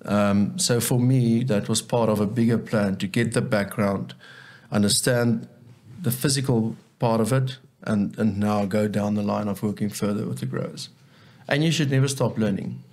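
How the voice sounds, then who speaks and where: A South African agronomist whose first language is Afrikaans speaks earnestly as a guest in a casual interview, often repeating words while he thinks. His voice is on the low side and slightly mellow, with fairly even intonation at a moderate pace.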